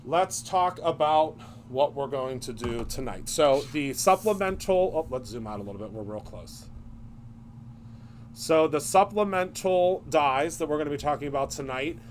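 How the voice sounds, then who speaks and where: A man's voice: a little high, lively intonation, moderate pace, a little hiss or hum. A man hosting a casual live craft stream, chatty and upbeat, greeting viewers by name as he shows products.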